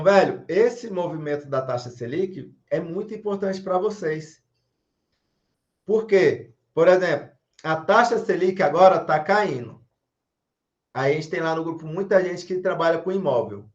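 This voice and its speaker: Emphatic high-voiced Brazilian man lecturing. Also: reverberant, muffled recording. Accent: Brazilian Portuguese. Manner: emphatic, repeats key points, asks and answers his own questions. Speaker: finance instructor. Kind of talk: online class lecture.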